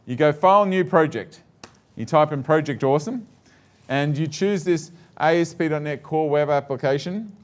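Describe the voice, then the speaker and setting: A man giving a live presentation to an audience, chatty and joking, with many fillers and restarts. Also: a little high.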